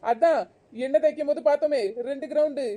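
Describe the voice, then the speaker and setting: A woman voicing a teasing, giggly young sister-in-law in an animated cartoon comedy. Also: high-pitched, quick pace, natural voice.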